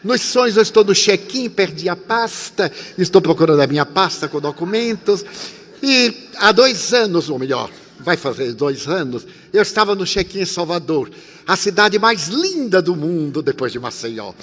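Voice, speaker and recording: A man in his eighties giving a spiritist sermon, telling a story with lively swings between loud and soft and acting out the dialogue. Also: high-pitched, normal speed. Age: 80s. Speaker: spiritist speaker. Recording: long hall reverb.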